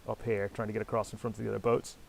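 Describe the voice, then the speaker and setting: A man's voice: lowish voice, flat delivery, rapid-fire, vocal fry, slight background noise, low-quality recording. A man hosting and commentating online sailing races, chatty and self-deprecating, talking directly to his viewers. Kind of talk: live commentary over a sailing game.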